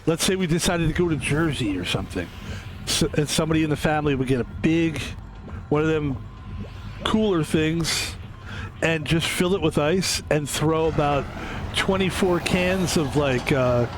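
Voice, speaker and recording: Young male streamer from Philadelphia, slightly high voice, casual rambling chatter. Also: normal speed, noisy background. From Philadelphia, USA. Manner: rambling, self-interrupting storyteller. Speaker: game streamer.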